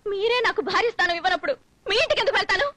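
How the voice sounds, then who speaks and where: A young actress playing a proud, wronged wife who speaks with earnest emotion, in a film. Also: female voice, very high-pitched, expressive, rapid-fire, background noise. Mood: anguished. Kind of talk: film acting.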